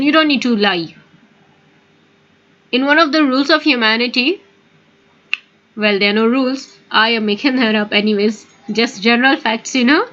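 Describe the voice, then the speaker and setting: High-voiced Indian English teacher. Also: female voice, a bit bright, dull audio. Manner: explanatory, emphatic, often addresses listeners directly. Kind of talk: spoken English lesson.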